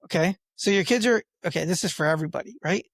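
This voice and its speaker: A man in his thirties co-hosting a casual talk show about parenting, telling stories with lively acted-out quotes. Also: high-pitched, quick pace, gravelly, no room sound, studio quality. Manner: animated storyteller who acts out quoted lines. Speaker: podcast co-host, father.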